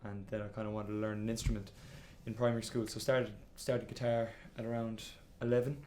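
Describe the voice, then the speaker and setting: A man's voice: on the low side, little pitch movement, fairly quick, a little mellow, slight background noise. A man in his twenties with an Irish accent, the band's singer, telling his story in a casual interview full of fillers like "kinda" and "like.". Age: 20s. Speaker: band singer and guitarist.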